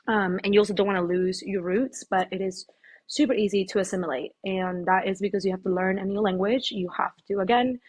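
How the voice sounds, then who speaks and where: A Mexican woman who founded a fitness apparel company talks casually and emphatically about her life as a podcast guest, using lots of fillers. Her voice is medium-pitched with a breathy edge.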